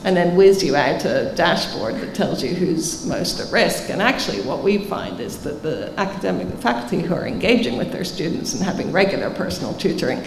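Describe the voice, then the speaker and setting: Very animated and a little fast with few pauses, a woman in her 50s with a lowish voice fields conference Q&A as keynote panel speaker, emphatic and explaining. A table microphone captures her in an echoey hall with faint ambience and a bit of hiss or hum.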